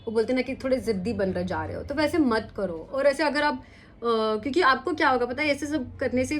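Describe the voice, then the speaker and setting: Chatting casually through her weekly tarot reading, a young woman tarot reader speaks in a high-pitched voice, slipping English into Hindi and often asking "ठीक है?" to check on the listener. A little hiss or hum is audible.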